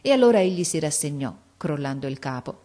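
A woman with a slightly low voice narrates a classic tale as an audiobook. Her storytelling is measured and expressive, paced for listening.

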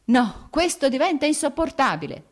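A woman's voice: mid-range voice, expressive, fairly quick, darkish tone, natural voice. Woman reading as a stiff angry nobleman. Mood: restrained anger. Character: proud young nobleman, stiff, restrained anger.

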